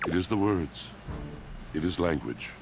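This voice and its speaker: A melancholy appliance from a dating game, speaking like a storybook villain in a very low voice. The delivery is theatrical and poetic, a grand brooding monologue with prominent music behind it. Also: male voice, animated, a little slow, vocal fry, exaggerated voice. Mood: anguished, poetic. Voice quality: deep, villainous voice. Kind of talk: dating sim game voice acting.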